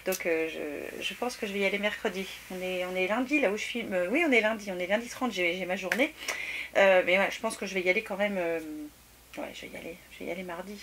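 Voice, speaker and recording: A woman's voice: mid-range voice, fast, a bit bright, a little hiss or hum. A woman vlogger chatting casually about a shopping haul, often restarting her sentences and laughing at herself.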